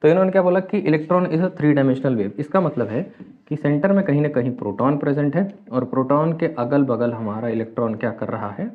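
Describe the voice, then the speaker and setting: A man's voice: fairly high pitch, lively intonation, a little fast. A man teaching a chemistry lecture, explaining step by step, asking and answering his own questions, and mixing English terms into his talk. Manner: mixes English terms into speech. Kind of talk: classroom lecture. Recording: tinny phone-like sound.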